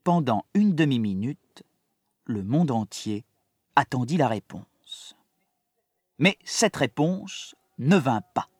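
A man narrating a children's story aloud in an expressive, dramatic audiobook style. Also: mid-range voice, slow, slightly rough, no echo, clean studio sound. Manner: lively and dramatic, shifting with the story.

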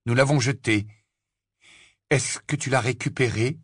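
A man voicing a fierce, commanding teenage boy wizard who fires off sharp demanding questions. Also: medium pitch, measured pace, husky, no room sound, clean studio sound, pitched above the performer's own voice. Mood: urgent.

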